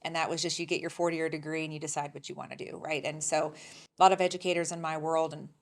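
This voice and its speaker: A woman from middle America, guesting on an interview show and answering in a relaxed, conversational way with fillers. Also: sits low, fast talker, creaky. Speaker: interview guest, insurance agency owner.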